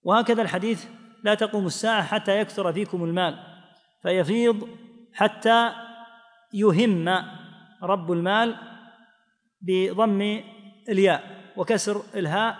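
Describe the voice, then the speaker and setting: A man with a high voice delivers a religious lesson, unhurried and explanatory. He sometimes acts out the people in the texts he quotes. His voice carries a long reverb, as if he were recorded in a big hall. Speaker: teacher explaining hadith.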